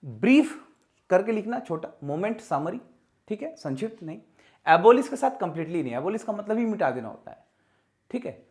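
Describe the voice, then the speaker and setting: A man teaching English for an exam, giving a classroom lecture and slowing right down whenever he reads out the example sentences. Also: high-pitched. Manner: lively, slows down to spell out English example sentences; keeps checking in with the class as he teaches.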